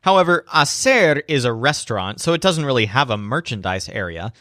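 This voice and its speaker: A man teaching a language lesson, telling a mnemonic story in animated scripted narration and spelling words out. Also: medium pitch, fairly quick, no echo, studio quality.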